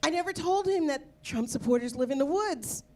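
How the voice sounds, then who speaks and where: Wry high-voiced woman doing stand-up. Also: lively intonation, a little fast, darkish tone. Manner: wry, punchy delivery with laughs. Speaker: stand-up comedian. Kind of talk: stand-up comedy set. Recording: played clip of a stage show.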